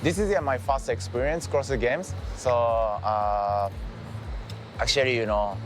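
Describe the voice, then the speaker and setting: A man athlete in an interview, speaking haltingly with repeated fillers. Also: mid-range voice, faint music behind.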